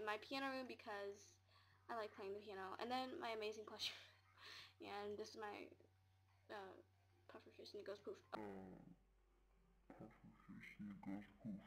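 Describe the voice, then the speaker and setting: A woman's voice: mid-range voice, fairly bright tone. A young woman giving a casual tour of her game home, mumbling and rambling with many fillers and giggles, recorded in a small room.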